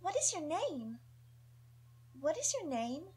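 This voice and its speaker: A woman's voice: high voice, sing-song, takes it slowly, a little mellow, voice pushed up, full character voice. A woman voicing a curious, playful young female wolf pup with a cute, childlike voice.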